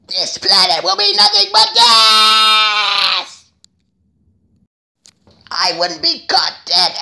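A man's voice: very high-pitched, vocal fry, sharp tone, heavily acted. A man voicing a haughty, sneering alien tyrant from an anime.

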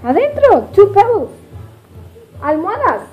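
A woman talks to a pet in a home video. Her voice is very high and lively, and she speaks slowly, coaxing it and mixing in English words. Faint music plays. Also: highs cut off. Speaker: pet owner.

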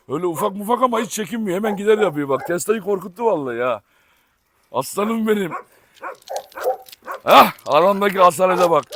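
A man vlogging outdoors as he handles his dogs, switching between affectionate baby talk and sudden shouts to keep them in line. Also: high voice, noisy background. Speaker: dog breeder and vlogger. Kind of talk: casual vlog narration while handling dogs. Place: outdoor yard with dog kennels.

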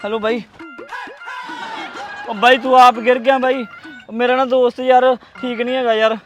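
A man acts out an easily distracted, money-minded Punjabi friend in a comedy skit. His voice is very high for a man, full of loud exclaiming street banter. It is recorded outdoors with light music behind. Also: little pitch movement, moderate pace, highs cut off. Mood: panicked, loud.

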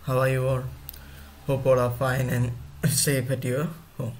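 A man's voice: mid-range voice, monotone. A male teacher giving an online class, talking to his students directly and repeating points often. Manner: slow, repetitive, addresses students directly.

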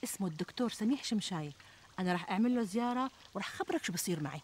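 An actress playing a plump, middle-aged Syrian housewife who complains expressively and plaintively in a TV comedy. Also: female voice, mid-range voice, expressive, very fast, a little mellow, natural voice. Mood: exasperated, insistent. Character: plump, fretful, self-deprecating housewife and mother. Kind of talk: conversational TV comedy sketch acting. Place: outdoors in a garden. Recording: outdoor ambience, trickling water noise.

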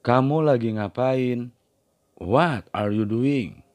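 A man teaching beginners, reading short everyday phrases and then their translations in a slow, scripted drill. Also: mid-range voice, darkish tone. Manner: reads each phrase in one language, then its translation. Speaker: language teacher.

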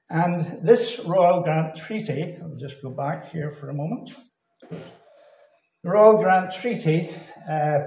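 A man from Canada, giving a deliberate Bible teaching address that repeats and stresses key words. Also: a little high, mellow. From Saskatchewan, Canada. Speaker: Bible conference speaker. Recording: echoey hall.

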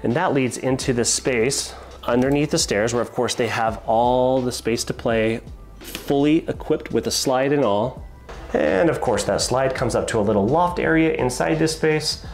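An enthusiastic real estate agent in his thirties narrates a walkthrough tour of a large, empty house, talking to camera and pointing things out through echoey tiled rooms and a basement. His mid-range, medium-pitched voice moves at normal speed and picks up a roomy echo from the bare rooms. He's recorded on a handheld camera with a small clip-on mic, with soft background music.

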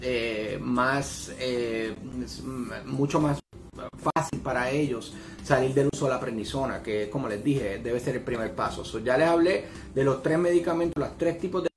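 A man's voice: mid-range voice, normal speed, noisy background. A middle-aged man, a rheumatologist giving an educational talk to patients, hesitant with many fillers.

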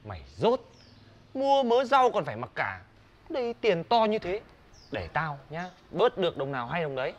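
A man's voice: sits high, very animated, normal speed, highs cut off. A young man, acting a brash, bossy friend in a comedy sketch. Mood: scolding. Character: cocky young man, loud bully of a friend. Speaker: actor.

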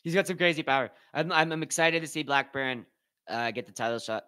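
A man's voice: mid-range voice, brisk, pushed and bright, smooth. A man hosting a live watch-party stream, commenting casually in loose slang and reading out and answering his chat.

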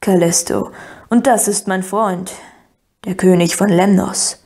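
A woman reading an audiobook, voicing a bearded warrior prince who speaks slowly and with amusement. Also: medium pitch, steady tone, mellow, natural voice. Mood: amused.

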